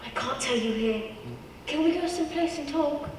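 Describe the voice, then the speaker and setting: A woman's voice: sits high, moderate pace, lightly acted. A woman playing a mysterious, frightened lady in a radio suspense play, speaking anxiously and hesitantly. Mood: anxious pleading. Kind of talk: old-time radio suspense dialogue. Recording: echoey hall, distant, faint noise.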